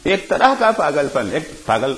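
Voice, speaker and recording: A male cleric delivering a majlis sermon, emphatic, asking rhetorical questions, rising to shouts and then dropping low. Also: very animated, low-quality recording. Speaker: Shia cleric giving a majlis.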